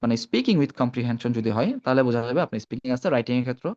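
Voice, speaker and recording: An expressive man with a mid-range, slightly mellow voice speaks quickly as he teaches Arabic online. He drops in English words and keeps confirming his students understand. His video call audio sounds dull and lo-fi.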